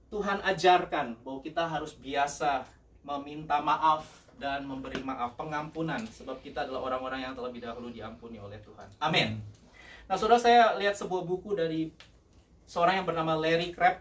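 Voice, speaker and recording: Pastor preaching a lively sermon. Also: male voice, fairly high pitch, moderate pace, recorded from a distance. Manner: lively, switches between Indonesian and English, laughs often. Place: church service.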